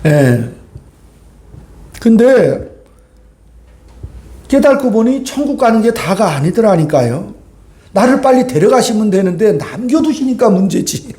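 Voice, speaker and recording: A man preaches in a high-pitched yet soft, mellow voice, filling a reverberant church sanctuary. His sermon feels like a conversation, and he keeps prompting the pews to agree. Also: very animated, unhurried, long pauses. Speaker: pastor. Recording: echoey church room.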